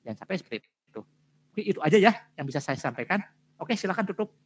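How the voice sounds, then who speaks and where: A man's voice: high-pitched, sing-song, quick pace, slightly rough. A male lecturer giving direct feedback on student presentations, repeating his points for emphasis. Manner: direct, repetitive emphasis with frequent fillers.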